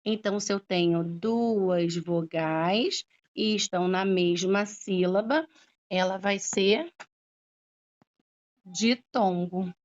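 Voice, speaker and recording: Slow, patient woman teacher. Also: mid-range voice, darkish tone. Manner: patient, drawn-out syllables, frequent "tá?" checks. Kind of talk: slow classroom explanation. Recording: dull lo-fi recording.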